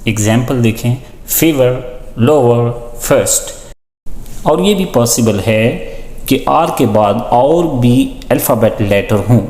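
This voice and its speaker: A man teaching a lesson with on-screen examples, deliberately listing and repeating example words. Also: mid-range voice, animated, darkish tone. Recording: echoey, reverberant room.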